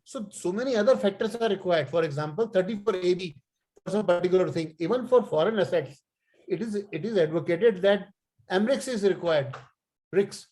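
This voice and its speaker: A man with a notably high voice and a North Indian accent presses a question. He is argumentative and insistent, breaking in and restarting in halting phrases. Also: a little mellow, rough recording. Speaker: class participant, land and building valuer.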